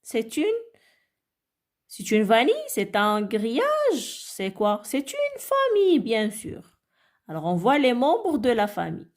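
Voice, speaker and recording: A woman teaching a reading lesson to young children, sounding out words syllable by syllable. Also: on the high side. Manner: slow, syllable-by-syllable reading, animated.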